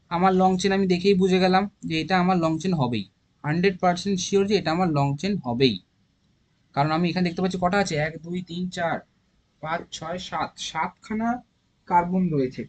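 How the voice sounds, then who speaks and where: A man with a Bengali accent explaining organic chemistry naming, thinking aloud and counting carbon atoms step by step. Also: high voice. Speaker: chemistry teacher. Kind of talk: informal classroom lesson.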